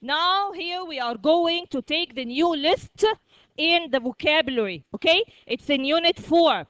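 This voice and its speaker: Slow, high-voiced woman teaching a class. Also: lively intonation, fairly bright tone, dry recording, dull audio. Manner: slow, repetitive, drills words and checks with "okay?". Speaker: primary school English teacher. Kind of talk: classroom vocabulary lesson.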